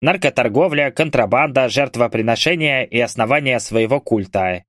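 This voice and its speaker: A man voicing a smug male ghoul, a dark mage who drawls and sneers. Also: mid-range voice, normal speed, no echo, studio quality, close to an everyday voice. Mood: smug, mocking.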